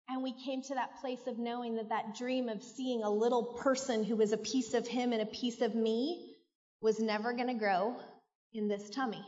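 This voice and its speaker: A fairly high-pitched woman's voice with a darkish tone tells a church audience her candid, heartfelt testimony. She is a middle-aged American from California, and the sound is muffled with large-hall echo.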